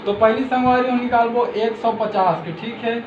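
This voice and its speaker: A man with a Chhattisgarhi accent teaches a math lesson in a very high voice. He explains patiently and closes every step with "okay". The recording is roomy and dull, with faint hiss behind him. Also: fairly even intonation, moderate pace.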